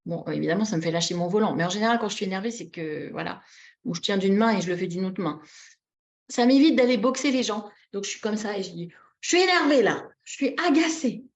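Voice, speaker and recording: A webinar trainer teaching baby signs leads a live demonstration on a video call, her voice medium-pitched and quick. Animated and demonstrative, she repeats key words and acts out short example phrases with expressive intonation, over dull lo-fi webinar audio.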